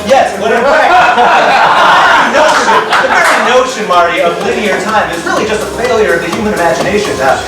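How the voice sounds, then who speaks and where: Man playing a high-pitched, showy fashion commentator, echoey. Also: expressive, brisk, few pauses. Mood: earnest musing. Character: upbeat male fashion commentator who drifts into bleak philosophy. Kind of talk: parody runway commentary, comedy sketch. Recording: very echoey, distant, music behind.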